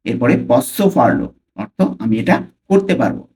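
A man with a Bangladeshi accent teaching Italian phrases, repeating each one slowly and carefully. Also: medium pitch, big pitch swings, darkish tone. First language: Bengali. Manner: slow, careful repetition of phrases. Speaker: language teacher. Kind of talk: Italian lesson for Bengali speakers.

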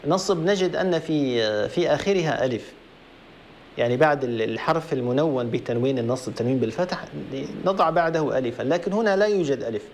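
A man hosting a call-in Quran recitation lesson, explaining rules methodically and slowly chanting verses to show them. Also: on the high side, slight background noise. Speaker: Quran recitation teacher and program host. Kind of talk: tajweed lesson on a call-in broadcast.

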